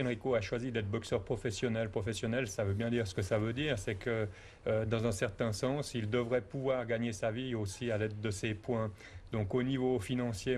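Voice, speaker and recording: A man who used to manage a boxer, explaining things in a measured way as a guest on a TV talk show. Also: mid-range voice, darkish tone, a little hiss or hum. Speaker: former boxing manager.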